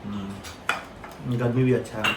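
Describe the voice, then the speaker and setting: A man's voice: lowish voice, fairly even intonation, slow pace, over loud music, poor audio. A man vlogging about his day who turns to earnest, indignant rhetorical questions. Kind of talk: casual vlog monologue.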